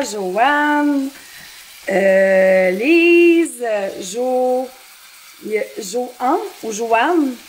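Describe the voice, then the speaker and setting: With slight background noise and a rough recording, a woman in her thirties speaks in a mid-range voice with a Québécois French accent. As host of a home cooking livestream, she chats casually and responds to viewer comments while a pan sizzles in her kitchen.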